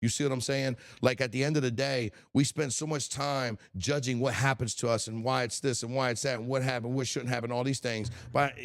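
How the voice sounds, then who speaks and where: A man in his forties delivers a solo motivational podcast talk with blunt, impassioned energy. He curses freely and often restarts a phrase by repeating a word before pushing on. His voice sits at an ordinary middle pitch. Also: steady tone, a little fast, few pauses. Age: 40s. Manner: impassioned, blunt, swears, repeats words while thinking. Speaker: podcast host.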